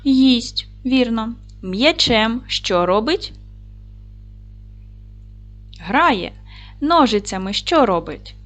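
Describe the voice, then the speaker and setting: A woman teaching a recorded lesson for young children, speaking clearly and slowly with encouraging praise. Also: a little high, animated, a bit bright, faint music behind. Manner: clear, slow, encouraging classroom delivery. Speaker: primary school teacher.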